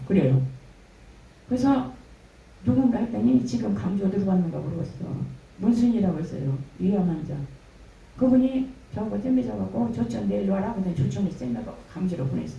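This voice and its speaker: A woman's voice: lowish voice, vocal fry, lo-fi sound. Older woman telling a testimony in an echoey room. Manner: animated storytelling, acting out quoted dialogue. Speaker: church member giving testimony. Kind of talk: spoken religious testimony. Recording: echoey room from a distance, faint noise.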